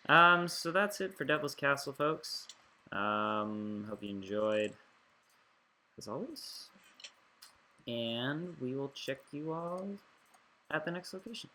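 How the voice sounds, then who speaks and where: Young man, bright voice, rambling, filler-heavy gameplay commentary. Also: medium pitch, lively intonation, slow pace, long pauses. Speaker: gaming YouTuber.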